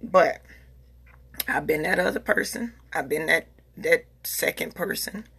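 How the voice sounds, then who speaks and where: Her deep voice is gravelly and husky, a bit bright, and unhurried as this forties-aged vlogger speaks casually to followers in a Southern US dialect. Earnest in manner, she repeats herself while making her point.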